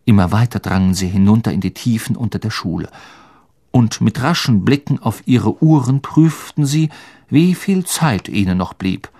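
A man reading a story aloud as narrator in an expressive storytelling manner. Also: on the low side, moderate pace. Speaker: audiobook narrator. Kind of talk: scripted narration.

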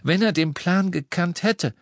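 A man's voice: high-pitched, unhurried, no echo, pitched above the performer's own voice. A man doing a defiant teenage boy wizard. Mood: defiant, shaken. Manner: defiant, agitated pleading.

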